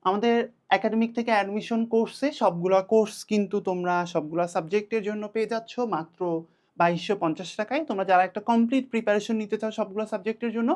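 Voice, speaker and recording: A woman's voice: medium pitch, steady tone, fast talker, darkish tone. A young woman with a Bangladeshi Bengali accent teaching an exam-prep lesson, talking to students in a direct, urgent way.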